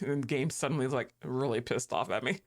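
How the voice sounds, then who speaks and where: In live gameplay commentary on a horror game, a man with a mid-range voice talks briskly. He keeps it casual and jokey, curses freely, and answers back to the on-screen characters.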